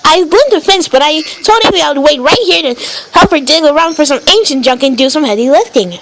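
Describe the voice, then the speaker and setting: A woman's voice: high voice, animated, a little fast, fairly bright tone, a little hiss or hum. A woman voicing a brash, dim-witted male echidna brawler in a fan dub of a video game, blunt and eager for a fight. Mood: boastful.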